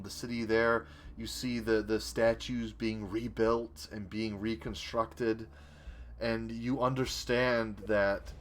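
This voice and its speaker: A man narrating as the game master of a tabletop role-playing game, halting with frequent ums and restarts. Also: on the low side. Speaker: dungeon master.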